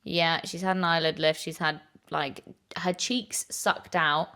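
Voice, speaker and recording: A woman's voice: deep voice, little pitch movement, unhurried, pushed and bright, smooth. A young woman co-hosting a casual podcast chat, blunt and matter-of-fact with casual swearing. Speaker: podcast co-host.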